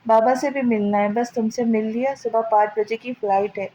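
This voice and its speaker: A woman voicing a protective elder brother who speaks softly and fondly, read with a slightly high, mellow tone. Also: fairly even intonation, moderate pace, muffled recording, slight background noise, lightly acted. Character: protective elder brother, young man, gentle.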